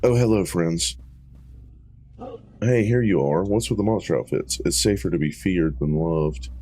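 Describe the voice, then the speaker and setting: A man with a low, deep voice and a mellow, relaxed tone plays through a game and reads its dialogue aloud. He gives the characters playful voices and drops in casual asides between lines. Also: a little slow, breathy edge. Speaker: let's play host. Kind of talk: reading game dialogue aloud while playing.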